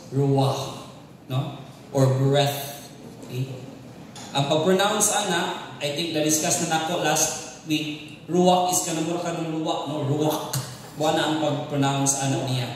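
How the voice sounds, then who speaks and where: A man's voice: high-pitched, slight background noise. A man with a Cebuano Filipino accent preaching a sermon, mixing English with local words and calling on the congregation to respond. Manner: mixes English and local words, often asks the crowd for responses. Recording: echoey hall with long reverb, from far off the mic.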